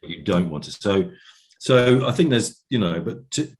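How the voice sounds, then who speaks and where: A man's voice: on the low side, lively intonation, a little slow, darkish tone. A man answering as an interview guest in casual, reflective talk, often hedging as he goes.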